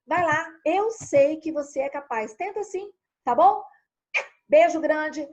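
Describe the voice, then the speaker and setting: A Brazilian woman teaching an online class in a lively, chatty way, speaking straight to her students. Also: sits high, slow. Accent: Brazilian Portuguese. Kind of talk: recorded online lesson.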